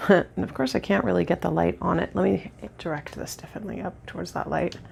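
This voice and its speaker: A woman demonstrating lash techniques in a casual tutorial, chatty and relaxed with lots of ums and restarts. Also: on the low side, fast talker, gravelly, slight background noise. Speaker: lash artist instructor.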